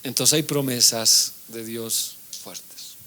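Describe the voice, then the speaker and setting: A pastor with a mid-range, slow voice teaches a Bible class, reading scripture aloud in an animated sermon. He asks his congregation questions and then answers them himself.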